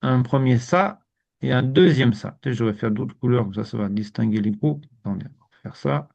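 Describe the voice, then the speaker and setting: A man teaching a live language lesson to students, in a relaxed way, repeating words and often saying "ok". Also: medium pitch, a little fast, gravelly, muffled recording.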